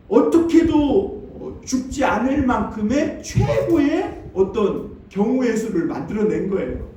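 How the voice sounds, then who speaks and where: A man's voice: high-pitched, darkish tone. A man preaching a Sunday sermon as pastor, retelling a story in a conversational way and asking the congregation questions. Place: church sanctuary. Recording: very echoey hall, distant mic.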